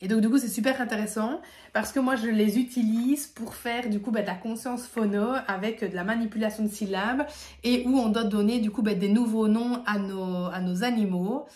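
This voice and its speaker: A woman's voice: fairly high pitch, steady tone, normal speed, darkish tone. A woman speech therapist chatting casually about the materials she uses, with many fillers and easy laughs. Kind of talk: casual video presentation. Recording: echoey room.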